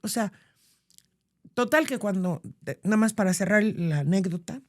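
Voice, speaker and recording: Middle-aged woman, podcast guest, animated storyteller who voices the people in her anecdote. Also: mid-range voice, normal speed. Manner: animated, acts out quoted voices. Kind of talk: casual conversational storytelling.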